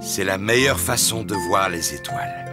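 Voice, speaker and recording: A man voicing a jolly, good-natured father pig in a children's cartoon, hearty and unhurried as he explains things. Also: deep voice, lively intonation. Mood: warm, explaining. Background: music.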